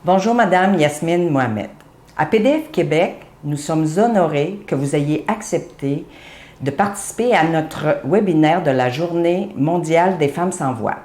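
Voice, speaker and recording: A woman's voice: low-pitched, lively intonation, measured pace, darkish tone. A woman formally reading prepared interview questions to a guest. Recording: echoey room.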